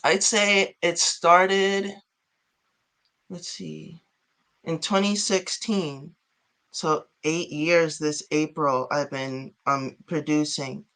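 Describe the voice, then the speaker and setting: A chatty, giggly man from Chicago talks about his art as an interview guest. His voice sits a bit high, with a bright, forceful edge and a smooth, clear tone. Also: steady tone, drawn-out words. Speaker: guest artist and rapper. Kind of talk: casual interview chat.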